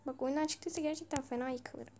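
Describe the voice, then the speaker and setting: A young woman giving casual, exasperated gameplay commentary with bursts of shouting and swearing. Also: high-pitched, steady tone, a little fast. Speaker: gaming video creator.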